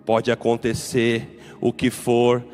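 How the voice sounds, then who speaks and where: A man's voice: medium pitch, monotone, takes it slowly, darkish tone, faint music behind. A man with a Brazilian Portuguese accent, a pastor delivering a sermon in an emphatic, repetitive preaching style.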